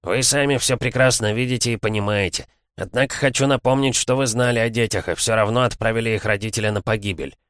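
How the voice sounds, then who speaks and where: A man voicing a calm, scornful male warrior who speaks with quiet mockery in an audiobook. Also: medium pitch, fast, no room sound, clean studio sound, voice pushed up, close to an everyday voice. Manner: calm, scornful, lightly mocking.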